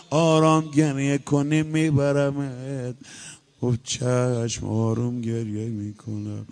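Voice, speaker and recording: A man delivering a chanted mourning eulogy, moving between emotional storytelling and sung lament. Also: on the high side. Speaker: religious eulogist.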